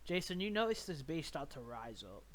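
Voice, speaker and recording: Rambling young game master. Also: male voice, on the high side, big pitch swings, moderate pace. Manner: rambling, filler-heavy, laughs at his own narration. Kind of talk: narrating a tabletop game.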